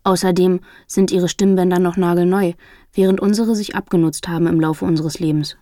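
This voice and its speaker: A woman reading the lines of a young man who stays calm and wryly teases. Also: fairly low pitch, brisk, no room sound, clean studio sound, natural voice. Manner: calm, wry, unbothered. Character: young man, dry and teasing.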